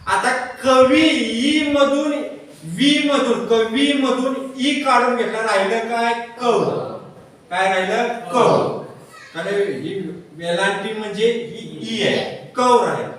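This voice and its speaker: A male teacher drills his class, asking a question and then answering it back slowly. His voice sits high. It is heard from across a bare, echoing classroom, well away from the mic. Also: a bit bright. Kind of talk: classroom grammar lesson. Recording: echoey classroom from far off.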